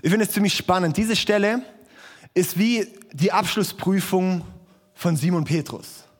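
A man delivers a sermon in a relaxed, conversational way, reading scripture and acting out quotes. His voice sits high, and a long reverb trails behind it as in a large hall. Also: a little slow. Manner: casual, conversational preaching with acted quotes. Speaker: preacher.

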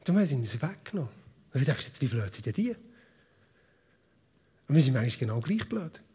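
A man with a Swiss German accent preaching a sermon, speaking directly to his listeners and swinging between loud, emphatic passages and soft ones. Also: medium pitch, sing-song, fast talker, breathy edge.

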